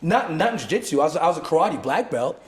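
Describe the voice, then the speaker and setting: A middle-aged Jamaican man with a slightly high voice talks fast and very animatedly as a guest, a martial arts teacher telling his story in an interview. He acts out what others said in shifting voices and restarts often, and the room he's in is echoey.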